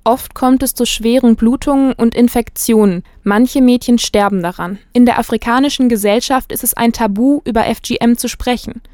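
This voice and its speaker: A woman's voice: a little high, a little mellow, no room sound. Woman reporter in a dry booth. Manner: measured, factual delivery. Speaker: radio reporter. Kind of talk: scripted narration.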